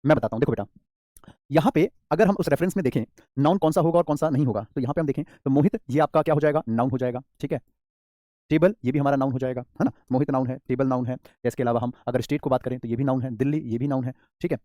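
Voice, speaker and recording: A man with an Indian accent teaching English grammar in an online class, calling students "beta" and slowly repeating key terms. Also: medium pitch, dark tone, dry recording, clean studio sound.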